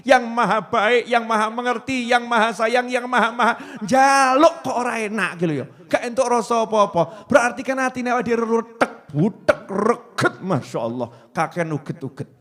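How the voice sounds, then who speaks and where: A man with a Javanese accent giving a casual, joking sermon, telling lively stories to his audience. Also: high-pitched. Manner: playful, joking, lively storytelling. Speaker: preacher.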